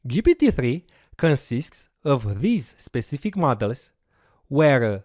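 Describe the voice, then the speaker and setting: An instructor whose first language is Romanian gives a recorded course lecture with a screen demo, explaining and walking through steps with occasional fillers. The pitch is lively, and the sound is clean studio quality with no echo.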